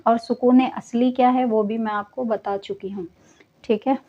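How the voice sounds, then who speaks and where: A woman's voice: on the high side, fairly even intonation, normal speed, muffled recording. A woman teaching Quran recitation rules in a class, explaining patiently and drawing out the recited words. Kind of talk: online tajweed class explanation.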